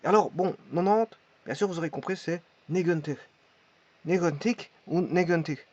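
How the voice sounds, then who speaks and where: A man's voice: a little high, moderate pace, darkish tone. A man giving a spoken language lesson, hesitant and repeating each word as he demonstrates its pronunciation. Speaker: language teacher. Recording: dull lo-fi recording.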